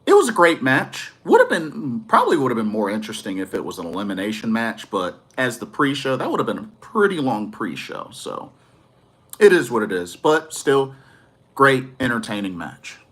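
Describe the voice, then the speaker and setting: A man's voice: mid-range voice, huge pitch swings, moderate pace, a bit bright. A man giving a casual, enthusiastic wrestling review, rambling a little and correcting himself as he goes.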